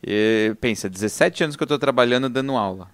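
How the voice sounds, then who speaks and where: A man with a mid-pitched voice talks in a reflective, measured way about teaching. His speech is unhurried. The recording is dry and close. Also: clear, resonant tone, no echo. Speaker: teacher and course presenter. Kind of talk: casual chat.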